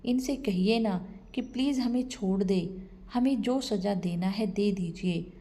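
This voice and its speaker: A woman's voice: medium pitch, takes it slowly, dark tone, close to an everyday voice. A woman voicing a scheming young daughter-in-law who pleads and sounds frightened, in a storybook reading. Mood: anxious. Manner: fearful, pleading.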